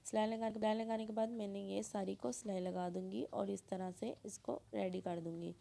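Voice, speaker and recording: A woman, talking through a sewing tutorial step by step and clearing her throat now and then. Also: mid-range voice, flat delivery, moderate pace, mellow. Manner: plain instructional, frequent throat clearing. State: sore throat. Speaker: sewing instructor.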